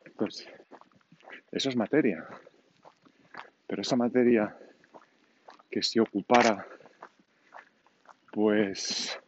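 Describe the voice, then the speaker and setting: Slow and pausing often, this man's voice is on the low side. He is 49, from Catalonia, a first-language Catalan speaker who also speaks Spanish, which he uses with a Catalan accent while rambling through an informal, unscripted solo podcast. The audio is a dull lo-fi home recording where background noise comes through clearly.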